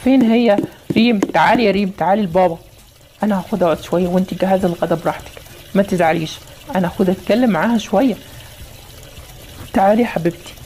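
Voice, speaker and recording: A woman with an Egyptian accent voicing a gentle, reassuring father in a voiced game story. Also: medium pitch, rapid-fire, long pauses, a little hiss or hum, lightly acted. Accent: Egyptian Arabic. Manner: calm, reassuring. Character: gentle father, often away traveling.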